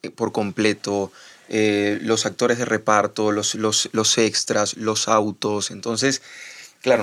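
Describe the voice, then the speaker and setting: A man, an actor, explaining things in a measured way during an interview. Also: fairly low pitch. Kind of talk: casual interview chat.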